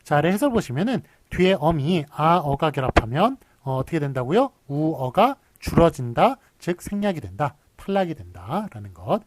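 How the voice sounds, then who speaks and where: A man's voice: fairly high pitch, big pitch swings, moderate pace, few pauses. A man from giving a recorded university lecture, explaining patiently with many fillers and restarts and drawing out his examples. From Seoul.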